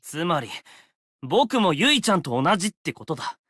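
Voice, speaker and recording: Sincere, protective young man in a game, fast, with a lively, rising-and-falling voice. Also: fairly high pitch, no echo, clean studio sound, full character voice. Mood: earnest. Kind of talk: Japanese game voice acting.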